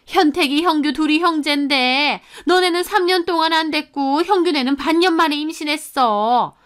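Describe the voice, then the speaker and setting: A woman voicing a bossy, harsh middle-aged mother-in-law in a radio drama, talking in a sharp, scornful way. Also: sits high, moderate pace, pitched above the performer's own voice. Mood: scolding. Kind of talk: Korean story radio drama.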